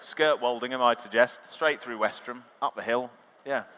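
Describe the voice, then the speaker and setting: A man's voice: medium pitch, normal speed, fairly bright tone. A man calling a live auction, chatty and joking with the bidders. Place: large reverberant auction hall. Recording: reverberant hall, amplified sound.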